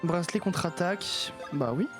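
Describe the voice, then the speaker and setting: A woman's voice: fairly low pitch, moderate pace, over music. A woman streamer giving casual, playful commentary while playing a video game, often laughing at her own voices.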